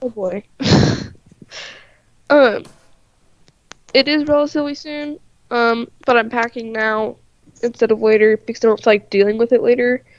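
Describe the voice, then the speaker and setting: Through dry, dull lo-fi stream audio, a woman artist makes casual conversation on her livestream, her voice slightly high and fairly even. She speaks a little slowly, pausing often, sounds nasal from a stuffy, congested nose, laughs a lot, and keeps saying "like".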